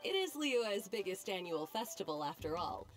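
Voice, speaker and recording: A woman's voice: mid-range voice, big pitch swings, moderate pace, soft background music, natural voice. A woman voicing a friendly, knowledgeable festival-goer in a video game, chatty and informative.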